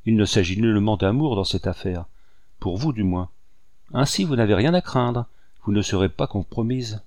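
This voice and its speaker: A man voicing a cunning, scheming older woman who speaks curtly and in a hushed tone, in a dry recording. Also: lowish voice, animated, normal speed, no room sound. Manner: curt, sharp, hushed.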